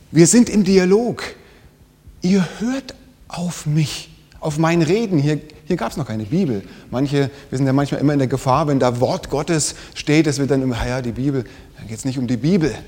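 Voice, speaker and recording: A man preaching a sermon, swinging from loud emphatic lines down to hushed whispers. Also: on the high side. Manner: dynamic, drops to whispers for emphasis. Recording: long hall reverb.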